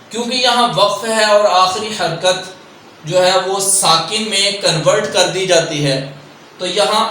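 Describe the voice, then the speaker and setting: A man teaching a Quran recitation lesson, explaining pronunciation and chanting verses slowly and drawn out. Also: sits high, pushed and bright. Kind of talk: tajweed lesson with slow recitation. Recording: very echoey, distant mic with faint noise.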